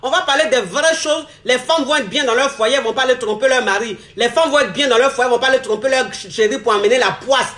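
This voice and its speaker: A woman's voice: sits high, fast, hardly any pauses, a bit bright. A woman, ranting emphatically to her viewers in a repetitive, mocking tone with frequent laughs. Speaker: vlogger. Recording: roomy echo.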